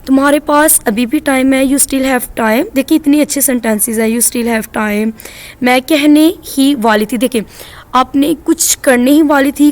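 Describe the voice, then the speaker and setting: A woman with a Pakistani accent teaching a spoken English lesson, saying each English phrase slowly and repeating it. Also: fairly high pitch, darkish tone.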